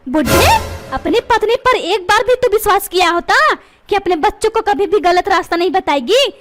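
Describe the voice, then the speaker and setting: A woman voicing a sharp-tongued, feisty mother in a cartoon who bickers with her husband. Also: very high-pitched, animated, moderate pace. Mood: taunting. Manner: bickering, taunting. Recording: loud background music.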